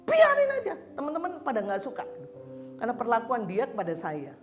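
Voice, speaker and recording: Animated woman preaching a sermon. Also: a little high, quick pace, soft background music. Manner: lively storytelling, acts out quotes.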